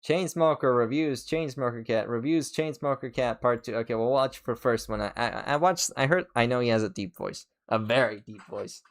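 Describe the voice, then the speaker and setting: On a reaction stream, a man chats casually and excitably, swearing and restarting sentences as he rambles. He speaks at a medium pitch and moderate pace with few pauses.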